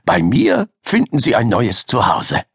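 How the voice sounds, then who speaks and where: Man playing gentle mysterious shopkeeper, storybook voice, lowered deep tone, soft slow inviting words, dry close sound. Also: huge pitch swings, creaky, breathy edge, no room sound, heavily acted. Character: kindly mysterious older male magic pet-shop owner. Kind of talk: audiobook character voice.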